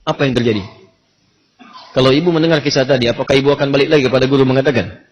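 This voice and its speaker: A male preacher telling a story in a sermon, animated and asking his audience questions. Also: mid-range voice, very fast, a little hiss or hum.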